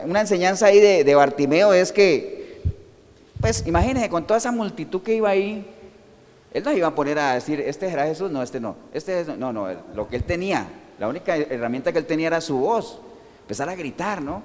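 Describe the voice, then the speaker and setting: Guy preaching a sermon, asks the crowd stuff and answers it himself, high voice, hall reverb. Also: darkish tone. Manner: questions the congregation and answers himself.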